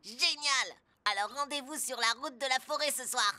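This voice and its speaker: A woman's voice: high voice, normal speed, pushed and bright. A cocky young boy cartoon vehicle. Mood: teasing. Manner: taunting, boastful. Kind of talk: French children's cartoon dub. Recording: music behind the voice.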